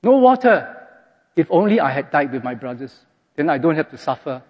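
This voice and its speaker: A man's voice: medium pitch, fast, lightly acted. A man voicing an exasperated, sarcastic ancient complainer who moans about having no water, in a dull, echoey hall recording. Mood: whining complaint. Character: grumbling thirsty ancient desert complainer, male adult.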